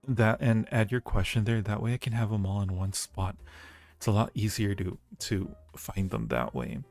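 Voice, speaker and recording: With background music playing, a livestream host who also creates audio roleplays talks to his viewers in a casual, playful, affectionate way. His voice is lowish and a little mellow, with vocal fry, at a moderate pace.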